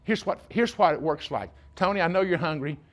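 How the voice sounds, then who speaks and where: A man's voice: fairly high pitch, expressive, fairly quick. A man preaching a sermon, folksy and joking, speaking directly to his congregation. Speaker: pastor.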